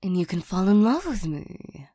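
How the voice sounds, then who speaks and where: A woman voicing a flirtatious, lonely female demon in an ASMR role-play, soft and partly soft-spoken, coaxing and teasing, easily irritated. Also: mid-range voice, very animated, moderate pace, slightly rough, dry recording, studio quality. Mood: infatuated, seductive. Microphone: close microphone.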